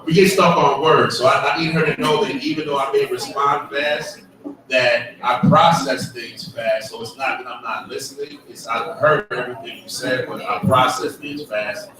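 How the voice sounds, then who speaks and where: Reflective man in a very echoey room. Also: medium pitch. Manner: reflective, explanatory, self-assured. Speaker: panel guest. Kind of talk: casual group conversation. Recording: very echoey room, distant mic, crowd behind.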